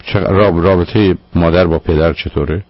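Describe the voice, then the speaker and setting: Male radio psychologist, low husky gravelly voice, firm lecturing manner, dull lo-fi broadcast sound. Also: steady tone, dry recording. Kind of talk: call-in advice counseling.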